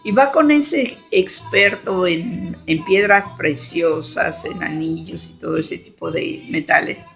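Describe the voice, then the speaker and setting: Middle-aged woman, slow and earnest, tag questions after her phrases, religious testimony, slight fry in the voice. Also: lowish voice, faint music behind. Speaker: testifying believer.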